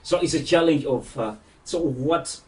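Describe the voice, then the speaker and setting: A man interviewing a DJ in a casual chat, asking questions and filling gaps with quick agreeing replies. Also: on the high side. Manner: chatty, with frequent agreeing interjections. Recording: voice far from the mic.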